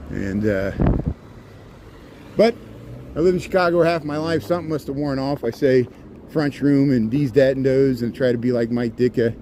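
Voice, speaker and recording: A man in his forties from near Cincinnati, in the US Midwest, gives a rambling, chatty walking-tour commentary on a city street at night, hamming it up for viewers. He has a mid-range voice with a slight Cincinnati-Kentucky twang, talks at normal speed, and leaves long pauses. Faint street and traffic noise sits in the background.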